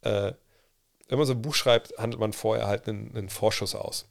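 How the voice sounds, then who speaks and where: A man's voice: on the low side, steady tone, brisk, creaky, dry recording, studio quality. A man in his thirties, telling a casual story on a livestream, chatty and full of slang and restarts. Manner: chatty, slangy, restarts and quoted self-talk. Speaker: livestream host.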